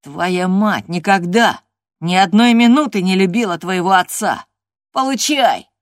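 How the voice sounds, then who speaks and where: A woman's voice: fairly low pitch, moderate pace, dry recording, clean studio sound, lightly acted. A woman reading an audiobook voices a sickly, spiteful teenage boy who whines and taunts. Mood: taunting. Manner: whiny and taunting.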